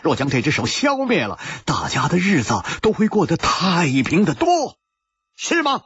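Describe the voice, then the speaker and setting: A grave, unhurried swordsman hero, put on by a male storyteller, talking in a measured, weighty way. The voice is husky and breathy, and the lo-fi recording sounds dull and muffled. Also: fairly high pitch, wildly swooping pitch, fairly bright tone, dry recording, pitched above the performer's own voice, heavily acted. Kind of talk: pingshu storytelling.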